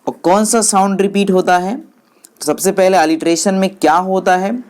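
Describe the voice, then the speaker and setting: A woman teaching English, explaining each point slowly and repeating English phrases in Hindi while speaking to viewers as friends. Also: mid-range voice, fairly even intonation, a little mellow.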